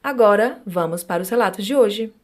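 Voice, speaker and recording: A woman's voice: medium pitch, a little fast. Brazilian woman narrating eerie true tales. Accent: Brazilian Portuguese. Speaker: podcast host and reader of listener stories. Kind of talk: narrating true supernatural stories.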